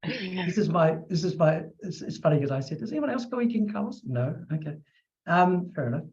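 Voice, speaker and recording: A middle-aged man hosting an interview, talking in a chatty, animated way and acting out quotes. His voice sits a bit high, and the recording sounds dull and lo-fi. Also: fairly quick. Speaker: podcast host. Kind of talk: casual interview chat.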